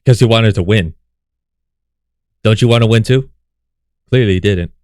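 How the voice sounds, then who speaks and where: A man's voice: fairly low pitch, normal speed, darkish tone, no echo, clean studio sound. A man reacting to a video as a streamer, heckling the clip and swearing freely. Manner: profane, mocking, heckles the clip. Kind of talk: casual reaction commentary.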